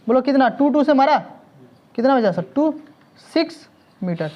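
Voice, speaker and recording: In this classroom lecture, a man teaches physics in Hindi sprinkled with English terms, his voice very high and expressive at a moderate pace. He peppers the students with questions, adds "sir" to nearly every line, and scolds them when they stall. The audio is lo-fi.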